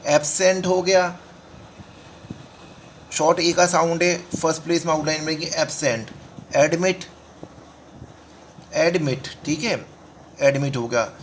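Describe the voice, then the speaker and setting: Indian male tutor, casual and repetitive, slightly raised pitch, faint room hiss. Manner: talks through examples slowly, repeating words and saying "ठीक है" often. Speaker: shorthand teacher.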